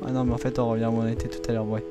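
A young man gives casual let's-play commentary and talks straight to his viewers. He chats in a loose, giggly way as he explores. Game music plays clearly underneath. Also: medium pitch, level tone, very fast. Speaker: gaming video host. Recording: game music playing behind.

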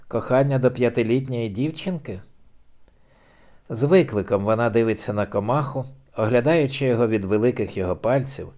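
A man reading a novel aloud as an audiobook narrator, in a measured, even way. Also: on the low side. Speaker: audiobook reader.

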